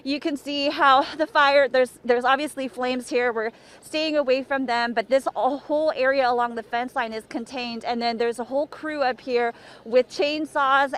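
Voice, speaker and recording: A woman's voice: sits high, fairly bright tone, clean tone. A woman field reporter walking and talking urgently through a live breaking news report outdoors near a wildfire, out of breath.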